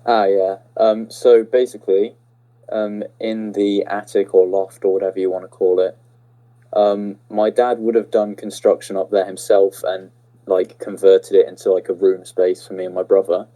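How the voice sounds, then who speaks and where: A young man in a casual podcast chat, talking quietly and a bit haltingly. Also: low voice, little pitch movement, low-quality recording.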